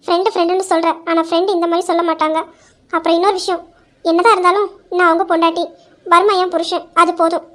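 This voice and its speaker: Very high-voiced young woman, earnest. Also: flat delivery, fast talker, a bit bright. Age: young adult. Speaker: narrator voicing a young wife. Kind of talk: dramatized story narration.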